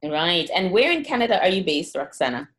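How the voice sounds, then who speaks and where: A woman hosts a podcast interview, welcoming her guest and drawing her out in an upbeat, encouraging way. Her voice sits somewhat low for a woman. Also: very animated, brisk, a bit bright. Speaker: podcast host.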